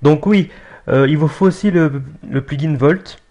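A young man giving a casual screen-recorded software tutorial, hesitant, with many fillers and restarts. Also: a little high, measured pace, muffled recording. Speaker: tutorial maker.

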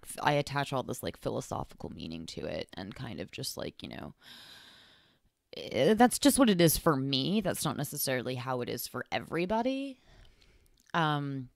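A woman's voice: very deep voice, creaky, dry recording, clean studio sound. A young woman from Texas hosting a podcast, talking on her own in a rambling way, full of fillers and self-corrections. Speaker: podcast host. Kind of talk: casual solo podcast monologue.

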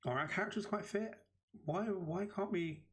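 A British man giving chatty, excitable live commentary as he streams a game at his desk microphone. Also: sits high, moderate pace. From United Kingdom.

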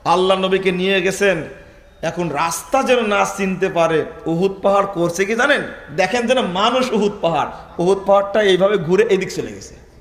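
A man preaching a dramatic storytelling sermon, swinging from hushed lines to shouted ones. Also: sits high, lively intonation, moderate pace, roomy sound, in a large hall.

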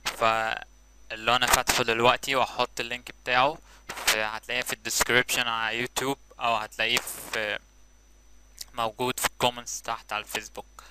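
A man with an Egyptian Arabic accent giving a casual, relaxed screen-recorded tutorial and explaining each step as he goes. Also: medium pitch, background noise. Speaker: tutorial presenter.

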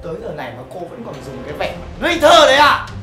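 A man's voice: very high voice, sing-song, slow, creaky, bright, forceful tone, soft background music, exaggerated voice. A man playing a young husband who harshly accuses his wife. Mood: angry, shouting. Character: angry young husband, quick to believe his mother. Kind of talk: web drama acting. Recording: roomy echo.

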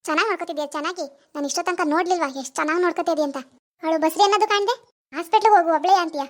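A woman's voice: very high-pitched, racing. A woman voicing a vengeful female ghost in a cartoon, scolding and threatening a lazy husband. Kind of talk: animated cartoon voice acting.

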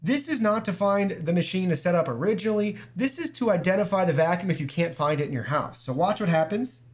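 A man giving a relaxed, casual walkthrough of an app as a product reviewer, chatting directly to his viewers. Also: sits high, fast talker. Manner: easygoing, talks to viewers as "guys".

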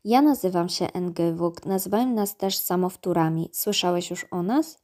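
A grumbling, self-important old gnome professor, boasting in a low, dark voice, as a woman reader puts him on. A storybook figure, fussy and proud. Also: moderate pace, lightly acted. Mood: pompous. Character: grumpy pompous old male gnome scholar.

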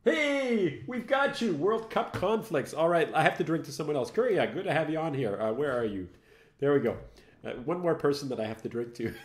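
A man's voice: a little high, animated, brisk. Chatty French Canadian man, laughing at himself. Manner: self-mocking, laughing often, chatty. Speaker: host. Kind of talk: casual live-stream tech chat. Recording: roomy, echoey room sound.

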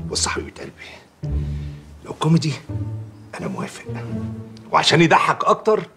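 An actor with an Egyptian accent playing a jealous, threatening husband who mocks and then barks orders. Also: male voice, high voice, wildly swooping pitch, quick pace, over loud music. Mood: menacing mockery. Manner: sarcastic, threatening, swings from hushed to loud. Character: menacing jealous husband, mocking and volatile. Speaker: controlling husband.

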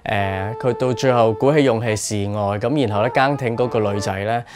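This radio drama writer and performer, in his forties, has a lowish voice and a Hong Kong Cantonese accent. Sitting for an interview in a small studio, he speaks at a moderate pace in a casual, reflective way.

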